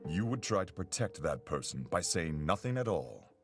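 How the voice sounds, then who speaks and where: A man's voice: low voice, very animated, moderate pace, faint music behind. A man voicing a blunt, protective young male student in a game, folksy and plain-spoken. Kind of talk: game voice acting.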